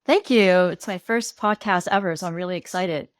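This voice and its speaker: A veterinarian in her thirties, from Hong Kong and raised in Syria and Lebanon, chats as a podcast guest. She talks in a measured way and explains things carefully. Her voice sits fairly low, and the sound is close and dry. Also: no echo. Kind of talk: casual interview chat.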